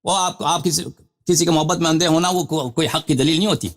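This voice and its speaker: Host, male, high-pitched, insistent and interrupting in a heated debate. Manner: insistent, interrupts, repeats questions.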